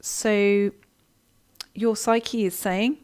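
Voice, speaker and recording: This woman, speaking at medium pitch with fairly even intonation, talks extremely slowly in a clear, resonant tone. She is hosting a live online coaching session and answering viewer comments. Her casual, chatty, warm-hearted style is full of ums and restarts.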